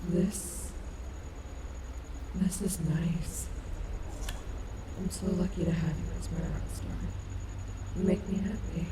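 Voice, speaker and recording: A woman's voice: fairly low pitch, fairly even intonation, takes it slowly, pauses often, noisy background. A woman voicing a confident, playful animatronic wolf, cocky and teasing yet tender, in an audio roleplay. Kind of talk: ASMR audio roleplay, companionable acting.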